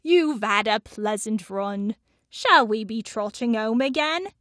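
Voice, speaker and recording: A woman's voice: a little high, lively intonation, slow pace, fairly bright tone, dry recording. A dour, greedy carpenter from a storybook verse, put on by a woman. He speaks bluntly and curtly. The sound is close and dry. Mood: mock-kindly.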